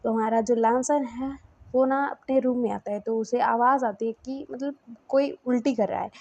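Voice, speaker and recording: A woman's voice: fairly high pitch, fairly even intonation, moderate pace, a little mellow. A young woman casually retelling a fan-written love story, chatty and full of fillers and restarts.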